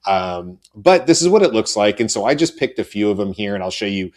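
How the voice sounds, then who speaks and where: A man's voice: fairly low pitch, animated, fairly quick, darkish tone. A middle-aged man co-hosting a panel show, chatting casually with many fillers and restarts. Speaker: co-host.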